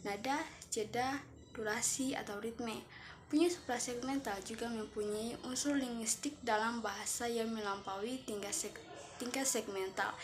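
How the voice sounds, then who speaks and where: A woman's voice: fairly high pitch, slight background noise. A young woman student reading a class presentation from notes, stumbling and correcting herself now and then. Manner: reads from notes with self-corrections.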